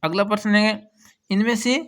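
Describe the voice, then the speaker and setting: Male teacher, high-pitched, patient, repeats key words while going through test answers. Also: steady tone, normal speed, fairly bright tone. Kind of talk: exam answer walkthrough.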